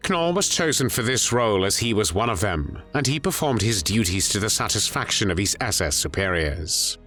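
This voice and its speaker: A man reading scripted documentary narration in a grave, measured way. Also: fairly low pitch, big pitch swings, fairly bright tone. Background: faint music.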